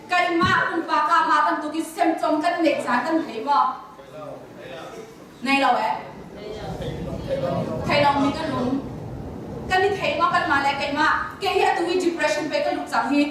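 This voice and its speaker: A woman's voice: high voice, normal speed, long pauses, a crowd in the background. Woman lecturing in a roomy echoing hall. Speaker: conference speaker. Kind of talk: lecture on counseling. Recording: echoey hall from far off.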